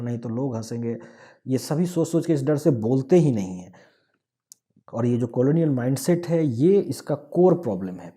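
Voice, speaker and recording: A man from Bihar with a Bihari accent, explaining an online English lesson with everyday examples and lively emphasis. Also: mid-range voice. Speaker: English teacher.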